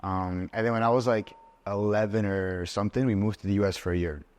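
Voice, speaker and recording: A Swiss man in his twenties, around twenty, is a guest on a casual podcast, rambling loosely and saying "like" a lot. He has a lowish, slightly mellow voice with a steady tone and a brisk pace.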